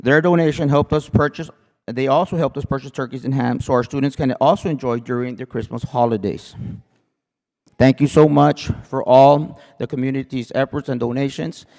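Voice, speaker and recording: A man's voice: medium pitch, steady tone, normal speed, gravelly, darkish tone. Emcee, adult man, formal thank-you reading, long hall reverb. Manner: formal, reads names with small stumbles.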